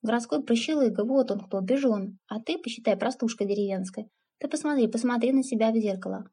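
A woman's voice: on the high side, warm tone, breathy edge. A woman voicing a blunt, stubborn older village aunt who scolds and mocks in folksy speech.

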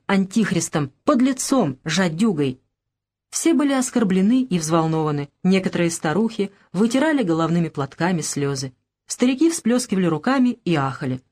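A woman narrating an audiobook with expressive storytelling. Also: medium pitch.

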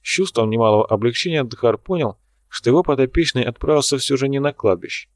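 A man narrates an audiobook in a calm, measured way. His voice sits at an ordinary middle pitch, recorded close and dry. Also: dry recording.

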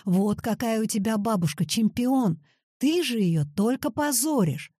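A woman's voice: on the high side, animated, a little slow, mellow, husky, no echo. Audiobook: woman as a reproachful teacher scolding a pupil, dry close recording. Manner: reproachful, insistent. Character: scolding female class teacher.

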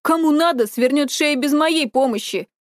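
A woman's voice: sits high, moderate pace, no echo, clean studio sound, voice pushed up, natural voice. A woman voicing a spiteful, controlling teenage older brother who talks in a sneering, scornful way.

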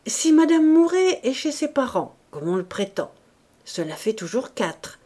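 A woman voicing a middle-aged gentleman in an audiobook, speaking in a dry, ironic way. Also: high-pitched, sing-song, a little slow, pitched above the performer's own voice, exaggerated voice.

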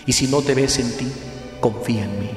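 Preacher playing a gentle divine man, soft tender replies, echoey hall. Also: medium pitch, moderate pace, natural voice. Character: gentle searching male divine figure. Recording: echoey hall with faint music.

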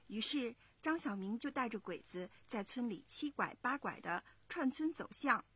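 A woman in her thirties narrates a children's story with expressive, measured pacing. Her voice is slightly husky. The sound is dry and close. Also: fairly high pitch, no room sound. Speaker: parent storyteller.

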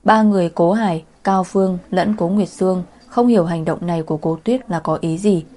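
A woman narrating a novel in a steady, measured storytelling manner. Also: fairly low pitch. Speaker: audiobook narrator. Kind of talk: scripted narration.

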